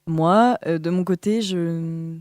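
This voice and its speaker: A woman's voice: on the low side, slow, darkish tone, no echo, clean studio sound. A woman playing a wary tavern-goer in a tabletop game, testifying carefully and formally in self-defence. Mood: guarded, defensive.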